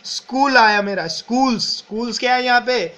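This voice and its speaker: A man with an Indian accent teaching an English grammar lesson, explaining step by step and often asking "clear?". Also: extremely high pitch, moderate pace, sharp tone, low-quality recording. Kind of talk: exam-prep grammar lesson.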